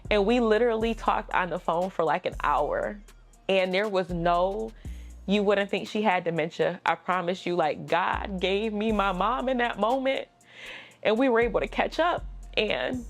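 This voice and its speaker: Candid woman telling a personal story. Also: medium pitch. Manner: candid and emotional, chatty with slang asides. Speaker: vlogger.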